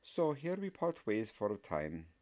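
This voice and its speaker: A man's voice: fairly low pitch, wildly swooping pitch, a little slow, pitched above the performer's own voice. A man putting on a clipped, stern older woman professor. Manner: clipped, sharp.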